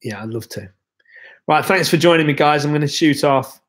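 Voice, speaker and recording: Speaking at a moderate pace in a voice on the high side, the young host of a relaxed livestream chats freely and reads comments from his audience. He sounds a little worn from illness and talks in a rambling, filler-heavy way.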